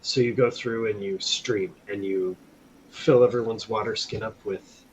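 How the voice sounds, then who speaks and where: A man running a tabletop game as game master, narrating in a relaxed, halting way full of fillers. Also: lowish voice, muffled recording, slight background noise.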